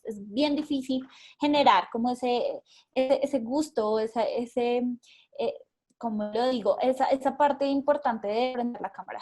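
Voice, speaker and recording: A woman's voice: fairly high pitch, dark tone. A Colombian woman leading an online workshop, explaining step by step with many fillers and repeated words. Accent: Colombian Spanish. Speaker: workshop facilitator. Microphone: video call.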